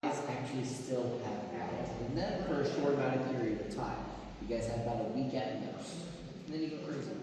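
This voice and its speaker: A man's voice: expressive, fairly quick. A man working as a cave tour guide, explaining rock formations to a group with playful jokes, his voice carrying a cave echo. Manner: playful, joking, addresses the group. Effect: cave echo, booming reverb of a large cavern. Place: inside a large show cave. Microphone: phone camera held by a visitor, away from the guide. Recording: echoey cavern, voice from far off, background noise.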